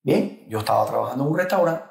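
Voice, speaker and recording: A middle-aged man with a Cuban accent tells his story in a relaxed interview. He hesitates often and restarts his phrases. The office around him adds a noticeable echo. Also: medium pitch, fast, gravelly. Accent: Cuban Spanish. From Cuba. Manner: hesitant, with many fillers and restarts. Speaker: guest, insurance trainer. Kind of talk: interview conversation.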